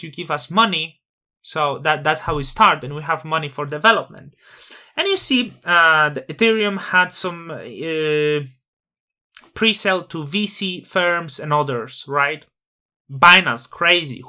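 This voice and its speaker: A crypto channel host with a noticeable non-native accent shares his opinions on screen, casually, in an inflated, self-glorifying persona heavy on rhetorical questions. His voice is bright and forceful at a fairly high pitch.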